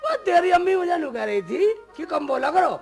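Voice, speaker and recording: A man's voice: big pitch swings, moderate pace, creaky, fairly bright tone, faint music behind, full character voice. A man playing a foolish, literal-minded young son-in-law in a comedy film, with a cheeky manner. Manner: squeaky, cheeky, takes every word literally. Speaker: comic lead.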